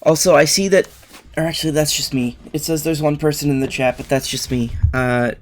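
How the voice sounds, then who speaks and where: Young male streamer with a slightly high voice, hyped and rambling, loose filler-heavy delivery from home. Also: fairly quick. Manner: excited, rambling with many fillers. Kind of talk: live reaction stream.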